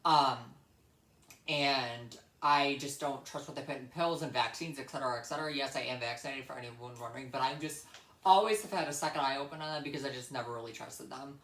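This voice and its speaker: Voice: medium pitch, brisk, a bit bright. A young adult vlogger talks in a casual, rambling storytelling style, recorded in an echoey room. The delivery is blunt and emphatic, circling back to repeat points and swearing freely.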